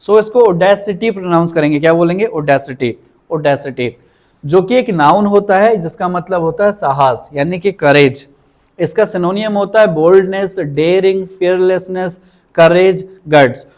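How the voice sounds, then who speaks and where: A man, teaching vocabulary and repeating each word slowly to show how it is pronounced. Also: high-pitched, a little mellow. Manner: explains patiently, repeats words slowly for pronunciation. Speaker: English teacher. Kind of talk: vocabulary lesson.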